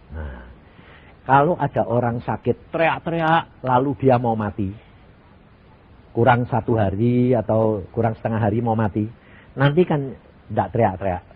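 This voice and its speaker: An older man preaching a sermon in with a tinge, throwing out rhetorical questions and sudden loud bursts. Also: medium pitch, slightly rough. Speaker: evangelist preacher. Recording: tinny lo-fi phone-like audio.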